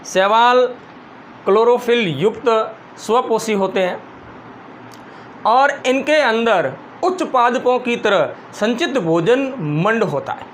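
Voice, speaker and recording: A male teacher giving a school biology lesson, slowly dictating notes and repeating phrases for students to write down. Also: very high voice, lively intonation, slight background noise.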